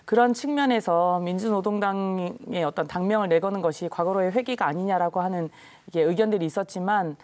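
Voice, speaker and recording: Formal woman guest with pauses. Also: on the low side, darkish tone. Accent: Jeju. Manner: measured, formal, many filler pauses. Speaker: party election committee co-chair, guest. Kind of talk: current-affairs interview answers.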